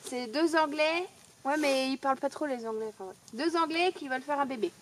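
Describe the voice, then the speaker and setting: A woman's voice: high-pitched, brisk, fairly bright tone, slight background noise. A woman chatting casually outdoors in a forest at night, telling a joke with gusto. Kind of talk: casual chat.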